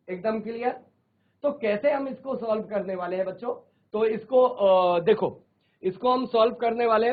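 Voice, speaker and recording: A male physics teacher with a high voice who talks slowly and repeats each phrase so students can write it down. He calls his students children and drops English terms into his explanations. The sound is thin and tinny, like a phone line. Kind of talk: virtual classroom lecture. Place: studio classroom.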